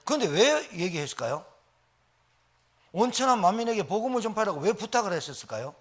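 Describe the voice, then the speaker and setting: A man's voice: sits high, big pitch swings, fast. A middle-aged man, preaching a sermon as pastor with emphatic rhetorical questions.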